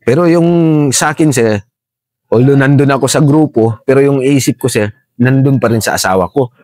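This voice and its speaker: Here the ex-rebel, a middle-aged interview guest, has a mid-range, slightly mellow voice and talks at an ordinary speed without echo. His telling is chatty yet deferential, with frequent polite uses of "sir" toward the host.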